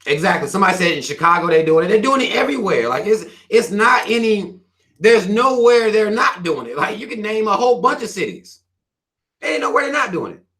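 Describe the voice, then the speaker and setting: A man's voice: high-pitched, big pitch swings, fairly quick, a bit bright. A man with a Southern American accent hosting his own channel, ranting bluntly and profanely in a casual livestream while reading out viewer comments. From US South, Carolinas.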